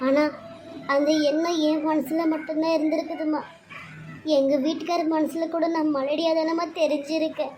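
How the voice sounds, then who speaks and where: A woman's voice: sits high, level tone, normal speed, background noise, natural voice. A woman voicing a betrayed young wife in a cartoon serial, grieving and bitter. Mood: tearful. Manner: grieving, pleading, then bitter. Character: young wife, betrayed and tearful, turning vengeful. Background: music.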